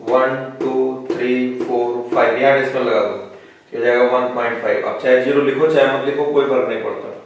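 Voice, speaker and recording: A man's voice: mid-range voice, slight background noise. A man teaching a physics lesson in a classroom, working through problems step by step and often checking with his students. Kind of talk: classroom lecture. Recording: echoey room, voice from a distance.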